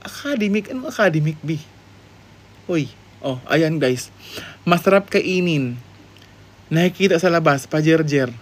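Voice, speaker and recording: A man's voice: lively intonation, a little slow, long pauses. Sassy, playful male livestream host. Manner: playful, sassy, teasing, with bursts of high exclamations. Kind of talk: live-stream guessing game with viewer shout-outs.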